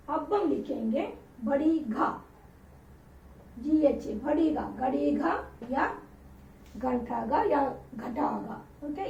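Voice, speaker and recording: A woman's voice: high-pitched, gravelly, a little mellow, a little hiss or hum. A woman teacher giving a patient alphabet lesson, repeating each letter with example words as she dictates. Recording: roomy, distant, dull lo-fi sound.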